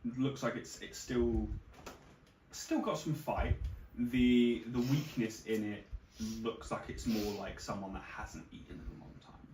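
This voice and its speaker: A man's voice: medium pitch, a little slow, darkish tone. A man narrating as dungeon master, describing the action in a loose way with many fillers. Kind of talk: narrating a tabletop game. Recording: roomy, distant mic with noise.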